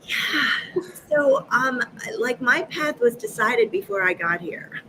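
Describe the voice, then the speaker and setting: A woman in her fifties from Massachusetts, a guest on a live video chat, telling stories with lively acted-out dialogue and frequent laughter. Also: on the high side, slow, a little hiss or hum, rough recording. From Massachusetts, USA. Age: 50s. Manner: lively, acts out quoted dialogue, laughs often. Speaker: guest, energy healer. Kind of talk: animated storytelling in a live chat.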